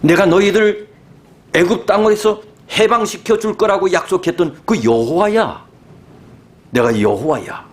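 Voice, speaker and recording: A man voicing God in a sermon retelling, speaking boldly and emphatically to a discouraged prophet, with a lively, rising voice. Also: high voice, a little slow, pitched above the performer's own voice. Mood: reassuring. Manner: bold, emphatic, reassuring.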